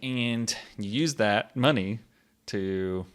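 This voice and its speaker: A man with a lowish, smooth voice talks slowly as he co-hosts a gaming podcast. He explains a game in casual chat, rambling with plenty of "like" and "um" and laughing now and then.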